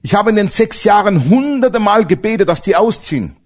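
A man delivering a church sermon in a lively, swinging voice with a slightly husky edge. He speaks straight to the congregation, tossing out questions and humorous asides. His pitch sits a little high for a man. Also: brisk. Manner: animated, addresses the congregation directly with questions and humor. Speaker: preacher.

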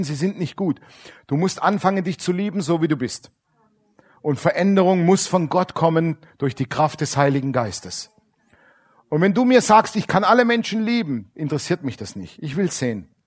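A man preaches with a slightly raised voice, sounding casual and everyday. He swings from hushed, low asides to bright, punchy emphasis, putting on little voices for the people he quotes. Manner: lively, colloquial, dramatic swings between loud emphasis and quiet asides. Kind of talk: sermon.

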